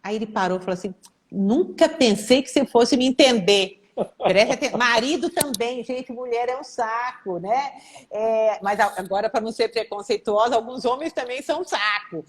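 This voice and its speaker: A middle-aged Brazilian woman, a therapist hosting a live stream, speaks in a slightly high voice. She tells cases with animated energy and slips into the voices of mothers and teenagers as she quotes them. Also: normal speed. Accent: Brazilian Portuguese. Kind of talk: casual live-stream talk.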